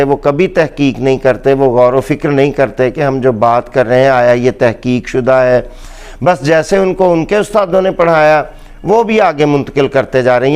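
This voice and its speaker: A man with a Pakistani accent giving a slow, deliberate English pronunciation lesson, repeating each word for emphasis. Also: on the high side, darkish tone, clean tone. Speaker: English teacher.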